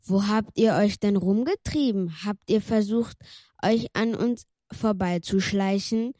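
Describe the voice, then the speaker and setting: A woman's voice: medium pitch, measured pace, dark tone, no room sound, clean studio sound, natural voice. A woman voicing a stern female gatekeeper who demands a password at the gate of a ghost town, speaking in a commanding way.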